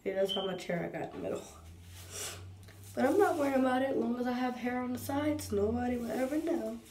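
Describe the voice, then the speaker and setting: A woman's voice: fairly high pitch, animated, fast talker, darkish tone. A young woman with a stuffy nose from a cold, chatting casually to viewers while showing her hair. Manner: chatty, addresses viewers as y'all. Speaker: vlogger. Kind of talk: casual hair tutorial vlog. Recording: echoey room, distant mic, noisy background.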